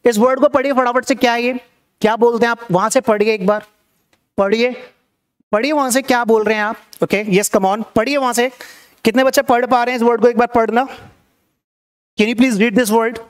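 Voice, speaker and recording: An Indian man teaching an English class live, explaining in Hindi and saying the English phrases slowly and more than once. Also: very high voice, steady tone. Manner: coaxing, asks viewers to read along.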